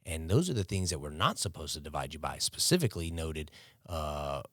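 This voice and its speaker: Rumbling low yet fairly bright in tone, an American man co-hosting a podcast chats animatedly at a brisk clip, cursing freely in a laid-back manner. It's studio quality, echo-free.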